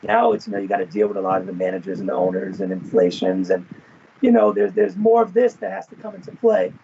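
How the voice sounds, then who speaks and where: Gravelly, husky man on a video call. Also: high voice, wildly swooping pitch, quick pace, warm tone, lo-fi sound, slight background noise. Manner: expansive, uses "right?" and "you know" as tags. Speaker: guest, former event manager and professor. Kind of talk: casual interview talk.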